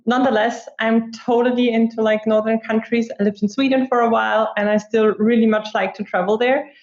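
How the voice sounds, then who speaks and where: A young woman from Austria talks in a casual, chatty way, leaning on "like" as a filler. Her voice sits a bit high. The recording is roomy and somewhat muffled. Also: little pitch movement, fairly quick, darkish tone. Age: 20s. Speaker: guest, product marketer. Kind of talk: casual interview talk. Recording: echoey room, dull lo-fi sound.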